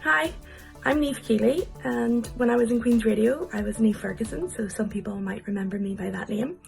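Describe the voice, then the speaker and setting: A woman's voice: on the high side, normal speed, creaky, soft background music, rough recording. A woman in her thirties giving a friendly recorded introduction. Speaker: former deputy station manager.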